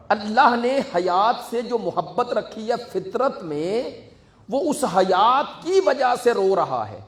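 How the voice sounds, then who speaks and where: A man, a religious scholar with a Pakistani Urdu accent, preaching a sermon in a mosque, asking the congregation rhetorical questions and repeating synonyms. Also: high voice.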